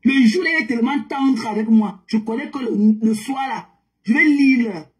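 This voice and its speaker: A woman telling a story on a live stream in an animated way, explaining with everyday comparisons and mixing in English words. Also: a little high, normal speed. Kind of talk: casual live-stream chat.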